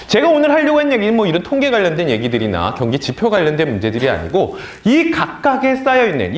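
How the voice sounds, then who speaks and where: A male lecturer teaching a political education class, with a slightly high voice that swoops up and down in lively bursts. He is animated and now and then mimics opponents in a sneering tone. The sound comes from an echoey lecture room.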